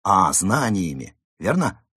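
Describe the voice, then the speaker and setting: A man voicing a brash, cheerful masked animal burglar who mocks and shouts gleefully. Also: deep voice, sing-song, slow, husky, no room sound, studio quality, exaggerated voice. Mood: mocking. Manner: loud, mocking, gleeful shouting.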